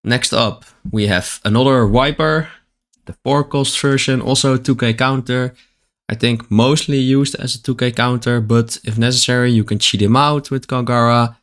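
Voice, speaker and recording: Guy with hiccups going through his deck card by card, reads the text out then explains it, mid pitch. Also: fairly even intonation, moderate pace. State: has the hiccups. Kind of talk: casual card-by-card deck walkthrough.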